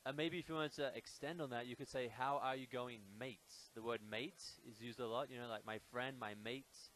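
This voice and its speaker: An Australian man explaining local expressions in a relaxed, hesitant way, with many fillers. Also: medium pitch, fairly quick. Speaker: guest teaching expressions. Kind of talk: casual explanation. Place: hotel room.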